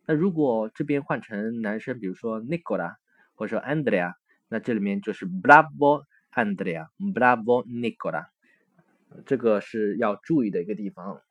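This is a man who teaches Italian, going patiently through a recorded textbook lesson while he stops on fillers and corrects himself at times. The close, dry audio has no echo, his voice is fairly low, and the highs are cut off.

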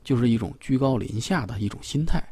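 Male parenting expert on a talk show: gravelly, husky voice, animated pitch, loose explanatory delivery. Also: fast talker. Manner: explanatory, with many fillers and repeated phrases.

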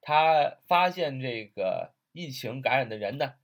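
Lively man teaching grammar. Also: medium pitch. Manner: spells words letter by letter, drawn-out repetitions. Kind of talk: explaining lesson to viewers.

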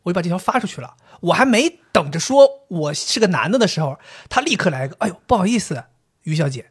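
A man's voice: sits high, very animated, fast talker, slightly rough. A man, co-hosting a casual chat, acting out dialogue with lots of laughs and swearing. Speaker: podcast co-host.

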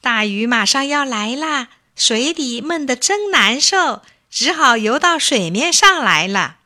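A woman voicing a restless little fish in a children's story, complaining in a lively voice. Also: high voice, unhurried, pitched above the performer's own voice, heavily acted.

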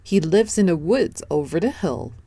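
A woman's voice: lowish voice, lively intonation, normal speed, warm tone, husky, no room sound. A woman reading a helpful farmyard cow. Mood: friendly.

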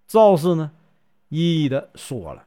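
A man telling a folk tale in a lively, chatty way, with drawn-out fillers. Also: on the high side. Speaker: storyteller. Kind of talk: folk storytelling narration.

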